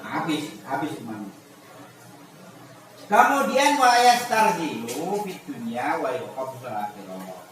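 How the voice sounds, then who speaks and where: A man's voice: mid-range voice, very animated, slow, a bit bright. A man teaching a religious lesson to a class, reading Arabic lines and explaining them casually, acting out little scenes. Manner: reads Arabic text then explains it in casual speech; acts out short scenes in quoted voices. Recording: echoey room, far from the mic, noisy.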